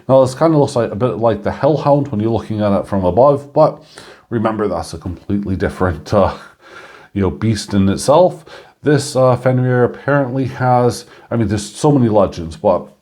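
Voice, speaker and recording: A man hosting his own channel, chatting casually through a coin review, chuckling now and then and filling pauses with ums and uhs. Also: lowish voice, animated, darkish tone.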